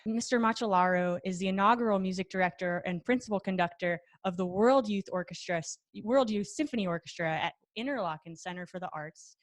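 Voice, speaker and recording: A woman hosting an interview, reading a guest introduction in a clear, measured way. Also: mid-range voice, no room sound. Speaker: interview host.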